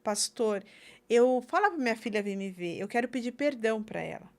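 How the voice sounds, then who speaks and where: Woman host with a fairly high voice, an animated storyteller. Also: a little fast. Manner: animated storyteller acting out quoted speech. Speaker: podcast host. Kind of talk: casual chat, storytelling.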